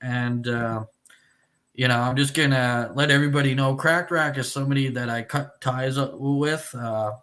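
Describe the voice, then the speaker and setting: A man hosting a live stream, chatting casually and bluntly with a guest, swearing often and filling pauses with "uh". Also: medium pitch, steady tone, a bit bright. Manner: blunt and profane, with frequent filler words. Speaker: livestream show host.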